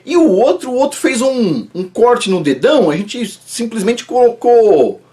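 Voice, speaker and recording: A man voicing a calm, casual male hospital doctor who talks in a breezy, reassuring way. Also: very high-pitched, a little slow, voice pushed up, exaggerated voice.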